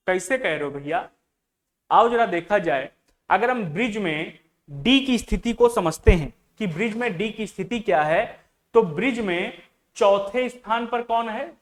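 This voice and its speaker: A man teaching an exam-prep reasoning lesson, asking his students questions and repeating key words, with English terms mixed into his speech. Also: high voice.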